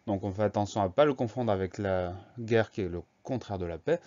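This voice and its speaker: A man with a fairly low voice gives a spelling lesson for young pupils, breaking each word into syllables and spelling every letter with patience. The recording is somewhat muffled and lo-fi. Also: mellow. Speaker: teacher.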